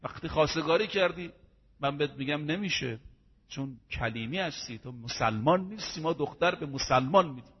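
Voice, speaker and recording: A man voicing a shrewd male caliph who calmly lays out a scheme in a low, measured tone. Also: breathy edge. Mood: scheming. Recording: dull reverberant hall recording.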